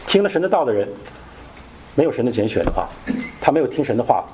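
A man's voice: mid-range voice, sing-song, fast, background noise. A man teaching a Bible study in a casual, conversational way, often asking his listeners questions.

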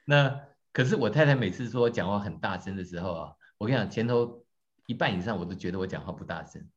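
Church class teacher, man, lowish voice, lively and self-mocking, dull lo-fi recording. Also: fast talker. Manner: lively, questions the audience, tells jokes on himself. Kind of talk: interactive teaching talk.

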